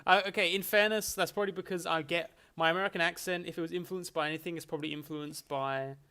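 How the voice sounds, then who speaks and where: A man's voice: fairly high pitch, steady tone, quick pace, sharp tone, smooth. A man hosting a livestream, chatting casually and rambling through answers to chat questions with a joking manner. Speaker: livestream host.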